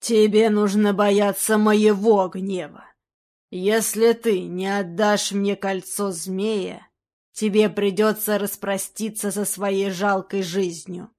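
A woman's voice: mid-range voice, fairly even intonation. Woman doing a growling bearded robber. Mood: threatening. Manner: growling, slow and threatening.

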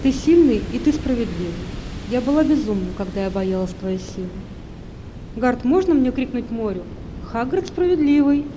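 A woman's voice: fairly high pitch, moderate pace, close to an everyday voice. A woman voicing an impassioned young woman in an audio play reading. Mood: fervent. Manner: fervent, intimate. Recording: steady background hiss.

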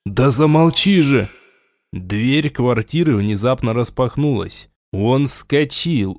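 A man reading a science fiction audiobook in a measured, dramatic narration. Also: medium pitch, a little mellow, no room sound, studio quality. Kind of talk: scripted narration.

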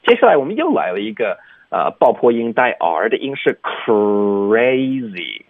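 A man's voice: mid-range voice, wildly swooping pitch, fairly quick, slightly rough, dry recording. Man teaching pronunciation over a tinny line. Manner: explains patiently, demonstrating English sounds with exaggerated articulation. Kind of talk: radio language lesson. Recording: dry, tinny phone-like sound.

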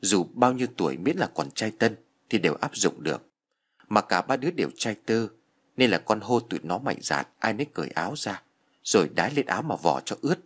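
A man's voice: on the low side, very animated, fairly quick, slightly rough. A man doing a frightened polite village boy. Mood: earnest.

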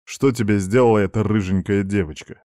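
A man's voice: fairly low pitch, fairly even intonation, a little fast, warm tone, no room sound, clean studio sound, close to an everyday voice. A man voicing a stern middle-aged father lecturing his teenage son in a firm, reproachful way.

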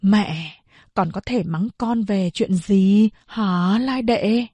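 Woman playing a grieving older mother, pleading, husky, slow, in a dry storybook reading. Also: medium pitch, dark tone, dry recording. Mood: worried. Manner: wailing, pleading. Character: grieving older mother, anxious for her sick son.

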